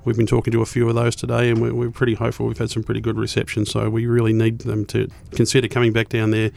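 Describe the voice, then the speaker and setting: A man with an Australian accent and a croaky, hoarse voice, chatting enthusiastically as an interview guest. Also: medium pitch, completely flat delivery, a little mellow, a little hiss or hum. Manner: talks fast with restarts, enthusiastic. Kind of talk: casual interview chat.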